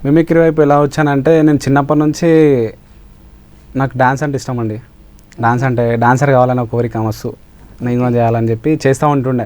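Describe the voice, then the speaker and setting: A man's voice: mid-range voice, a little mellow. A young man, a mimicry artist giving polite, brief answers in an interview. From Telangana, India. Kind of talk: casual interview chat.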